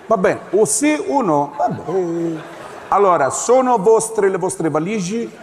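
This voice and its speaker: A man's voice: high-pitched, animated, takes it slowly, a little mellow, slight background noise. A man voicing a fussy, officious male airport security guard who speaks broken Italian and keeps repeating his demands, on a live stage. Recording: live theatre stage, echoing, audience.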